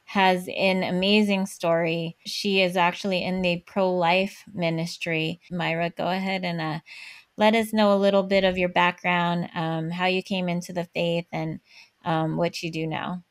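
A woman's voice: lowish voice, level tone, measured pace, no room sound. A woman hosting a faith podcast, introducing guests in an effusive, enthusiastic way. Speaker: podcast host. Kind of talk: podcast interview.

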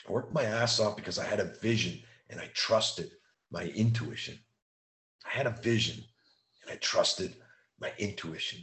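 A man giving an emphatic motivational monologue, repeating key phrases and slowing down to stress them. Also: lowish voice, echoey room. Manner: slows down for emphasis. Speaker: motivational speaker.

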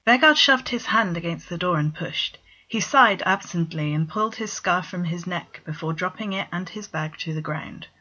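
Low-voiced woman reading a story. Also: normal speed, few pauses, pushed and bright, husky. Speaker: narrator. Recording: dull lo-fi recording.

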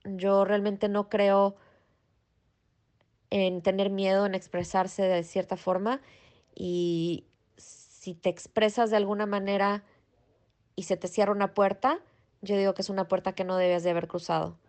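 A woman's voice: medium pitch, flat delivery, measured pace, pauses often, a little mellow. Blunt outspoken Mexican woman. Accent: Mexican Spanish. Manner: blunt, outspoken and emphatic, mixing in English. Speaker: interviewee. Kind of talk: casual interview talk.

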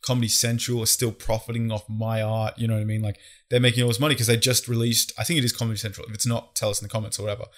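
A man's voice: fairly low pitch, little pitch movement, racing, few pauses. Slangy man in casual podcast banter. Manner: loose, swearing, slangy banter. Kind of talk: casual chat.

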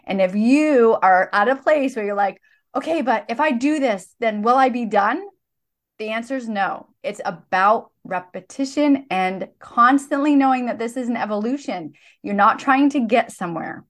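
A woman's voice: on the high side, normal speed. A woman hosting a podcast, speaking in an encouraging, coaching tone during a casual chat. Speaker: podcast host.

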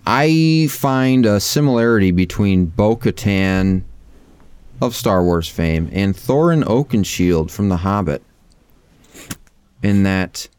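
Deep, smooth-voiced man. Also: expressive, slow pace, darkish tone. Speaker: podcast co-host. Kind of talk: casual chat.

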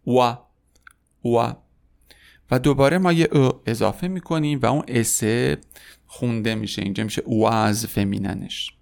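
A man with a gravelly, creaky voice teaches a French lesson for beginners. He explains points at a brisk pace, then slows down to say each word carefully and repeat it for learners. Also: mid-range voice, darkish tone. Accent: Persian-speaking. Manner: explains quickly, then says French words slowly and repeats them. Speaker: language teacher.

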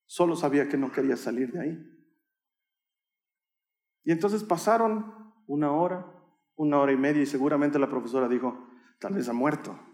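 Male preacher, fairly high voice, animated story sermon, echoey room. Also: normal speed, pauses often.

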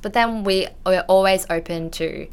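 Here a twenty-something woman with an Australian accent, who works as an intellectual property investigator, is a guest on a podcast, talking frankly and informally. Her pitch is medium and her speed normal, with a faint hiss or hum behind her.

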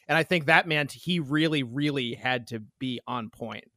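A man calmly explaining background about a film in casual conversation. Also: medium pitch, moderate pace, dry recording, studio quality.

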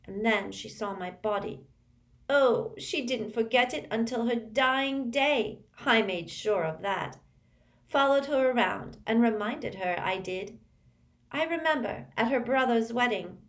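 A woman reading aloud and voicing a sulky, self-pitying teenage girl ghost, whiny and shrill. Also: measured pace. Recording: roomy echo.

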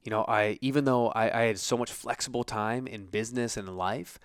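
An American self-help coach and show host gives an informal motivational talk from a basement office, conversational and emphatic, acting out imagined self-talk. His voice is on the low side and brisk, with a clean tone and no echo.

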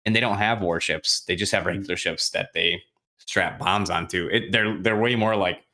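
A man on a podcast casually retelling a novel's chapters, acting out the characters' lines in quick, offhand voices and swearing freely. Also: low voice, steady tone, sharp tone. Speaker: podcast host recapping a book. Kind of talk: casual chat.

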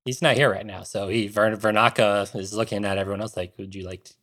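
A man's voice: on the low side, steady tone, fast, fairly bright tone. A man acting as game master, narrating a tabletop game.

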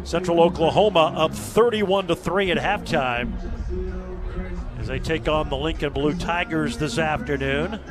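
A man calls a football game as play-by-play announcer. His voice sits high for a man. Music is clearly heard behind his live commentary. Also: a little slow. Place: outdoor football stadium broadcast.

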